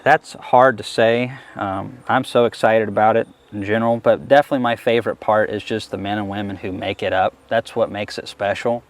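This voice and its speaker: Easygoing low-voiced man talking bees. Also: steady tone, a little fast, few pauses. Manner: easygoing, chatty and enthusiastic. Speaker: beekeeper being interviewed. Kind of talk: casual interview answers while working a hive. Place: outdoors at a beehive.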